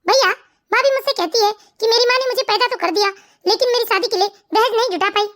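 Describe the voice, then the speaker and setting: A woman voicing a spoiled, scheming young sister-in-law in an animated family story, whiny and indignant. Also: very high-pitched, fast.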